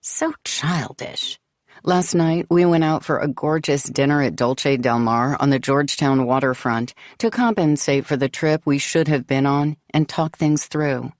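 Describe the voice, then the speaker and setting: A woman reads a first-person novel in a composed, wry voice. Her tone sits low and the sound is dry and close. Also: a little slow, darkish tone, no room sound. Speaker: audiobook narrator. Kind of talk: first-person scripted narration.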